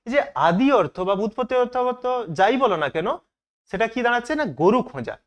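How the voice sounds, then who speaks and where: A man's voice: extremely high pitch, lively intonation, quick pace. A man teaching an exam-prep lesson. He asks questions and then answers them himself.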